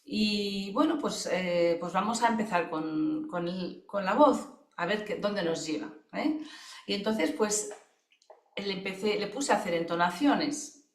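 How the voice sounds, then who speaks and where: A woman therapist explains her work in a calm, reflective teaching voice at a mid pitch. She often pauses to check in with her listeners. She is recorded over a video call in a noticeably echoey room. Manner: thoughtful, unhurried, often checks in with a tag question. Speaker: singing therapist giving a webinar. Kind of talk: teaching talk. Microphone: video call microphone.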